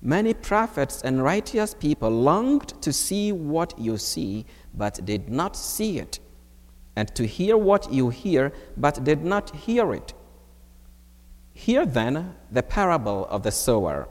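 A man preaches a homily slowly and deliberately, his pitch rising and falling a great deal. His fairly high voice rings out with the long reverb of a church. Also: big pitch swings. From Ghana. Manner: slow, measured preaching with wide swings of pitch. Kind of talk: homily at Mass.

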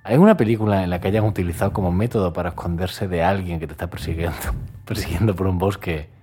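A man co-hosting a podcast, chatting casually and telling stories with animated delivery. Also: quick pace, breathy edge. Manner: animated storytelling, bursts into high shouted impressions. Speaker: podcast co-host. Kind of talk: casual chat.

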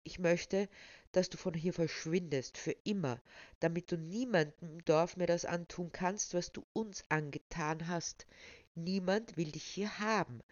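A woman reading aloud, voicing an agitated village man who shouts and pleads. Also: on the low side, measured pace, lightly acted. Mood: angry. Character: angry village man, drunk-brave, desperate. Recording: slightly dull, dry sound.

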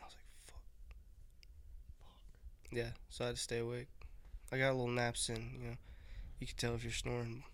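Podcast co-host, male, gravelly fry in the voice, loose storyteller who curses. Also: mid-range voice, monotone, fairly quick, a bit bright. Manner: rambling storyteller, swears freely. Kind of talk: casual chat.

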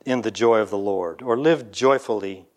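A man preaching a sermon, earnestly leading the congregation to repeat lines after him. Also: moderate pace. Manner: earnest preaching with swings between loud emphasis and soft low lines; leads the congregation in call-and-response. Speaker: pastor.

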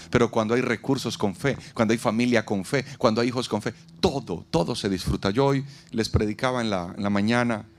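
A man preaches a sermon outdoors in a fairly low voice. He leans on dramatic pauses and acts out the voices of people he quotes. Faint ambient noise comes from the open air around him. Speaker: pastor. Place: outdoor event.

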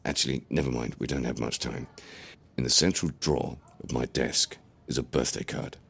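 A man's voice: extremely low pitch, steady tone, moderate pace, creaky, fairly bright tone, slightly rough, voice pushed down, heavily acted. A man voicing an elderly grandfather who tells a rambling, earnest tale. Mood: conspiratorial. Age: older. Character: chatty elderly grandfather, injured golfer.

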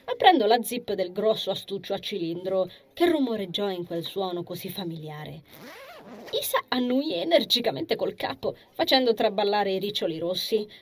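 A woman reading a fantasy novel aloud in a calm, even storytelling manner. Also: mid-range voice, moderate pace. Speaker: audiobook narrator. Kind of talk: scripted narration.

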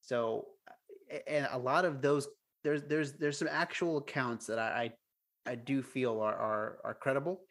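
A man in a relaxed podcast conversation. He speaks in a mid-pitched, ordinary voice and works through his thoughts slowly, repeating words as he goes. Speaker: podcast co-host. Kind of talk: casual chat.

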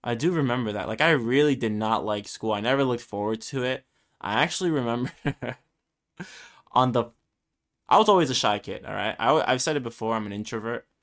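This Brooklyn-born man in his twenties, a Spanish speaker, hosts a casual solo podcast and rambles with plenty of ums and restarts while poking fun at himself. His mid-range voice is animated, fairly bright, and a little fast.

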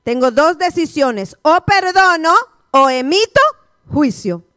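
A woman's voice: high-pitched, lively intonation, slow pace, a bit bright, dry recording, clean studio sound. A woman pastor teaching a sermon, quizzing her listeners with repeated questions. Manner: call-and-response, repeated questions to the congregation.

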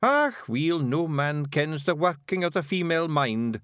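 A man voicing a tough, bossy little male fairy clan leader with a Scottish accent and a gruff, blunt way of talking. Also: fairly high pitch, expressive, moderate pace, dry recording, studio quality, pitched above the performer's own voice, close to an everyday voice. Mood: scheming.

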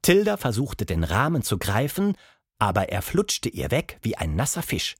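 A man narrating a children's story in an expressive, scripted way, jumping in pitch for characters. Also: normal speed, husky, no echo, clean studio sound.

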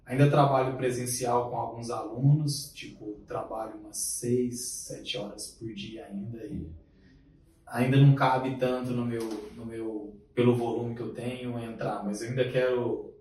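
A man who coaches runners, explaining himself in a relaxed way as a podcast guest. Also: medium pitch, a little slow, far from the mic. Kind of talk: casual podcast chat. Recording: roomy echo, off-mic.

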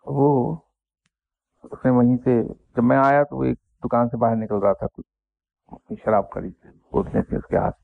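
A man, a spiritual teacher telling an anecdote and reflecting on faith in an unhurried, self-deprecating way. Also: mid-range voice, creaky, no echo. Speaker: spiritual teacher answering questions. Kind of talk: anecdotal storytelling and religious reflection. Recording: dry, tinny phone-like sound.

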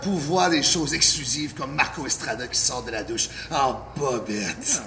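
A man's voice: medium pitch, unhurried, bright, forceful tone, in a large hall, a little hiss or hum. A man with a Québécois French accent, hosting and bantering animatedly, laughing easily. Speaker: podcast host. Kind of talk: lively banter.

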